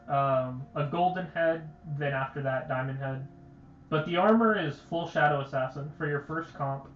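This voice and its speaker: A young man with a slightly high voice talks casually on a game stream, rambling and stammering, scattering "like" through every sentence. The sound is dull and roomy, with a faint steady hiss behind it. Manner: rambling, stuttering, full of "like". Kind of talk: casual livestream talk.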